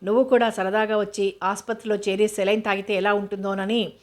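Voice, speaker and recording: A curt, serious young man, read by a woman storyteller. He speaks in a flat, even line and sounds irritated and terse. This is an audiobook reading. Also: mid-range voice, brisk, lightly acted.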